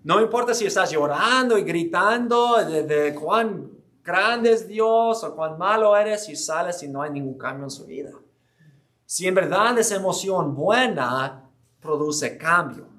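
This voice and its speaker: Guy with a pretty high voice teaching church history, earnest, keeps restarting his sentences. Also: fairly bright tone. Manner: earnest, explanatory, frequent restarts and hesitations.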